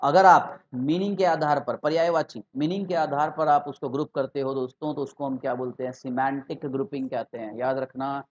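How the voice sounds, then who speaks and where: A man's voice: mid-range voice, steady tone, brisk, hardly any pauses. Man teaching, asking the class questions. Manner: explanatory, repeats key terms, asks the class questions. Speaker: English teacher for exam prep. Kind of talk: online exam-prep lecture mixing Hindi and English terms. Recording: slightly dull lo-fi recording.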